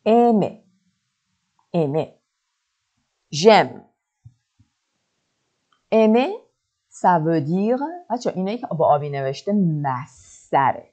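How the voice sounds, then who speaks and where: Lady teaching french, low mellow voice, kinda dull lo-fi sound, slow careful drills. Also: animated. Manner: slow deliberate French drills, quick asides. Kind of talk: online language lesson.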